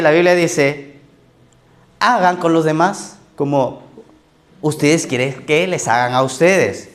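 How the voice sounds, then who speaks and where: A male pastor, preaching in a conversational sermon style and often checking in with "¿ok?". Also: high-pitched.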